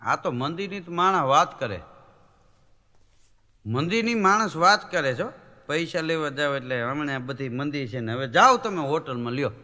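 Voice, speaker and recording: A man's voice: on the high side, sharp tone, a little hiss or hum. A man, a folk comedian telling jokes on stage and acting out voices and animal sounds. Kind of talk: live stage joke-telling. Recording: reverberant hall recording.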